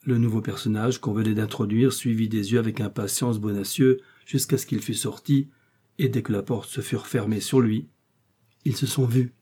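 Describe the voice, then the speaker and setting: Man, audiobook narrator, measured, steady, low, husky. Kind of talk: scripted narration.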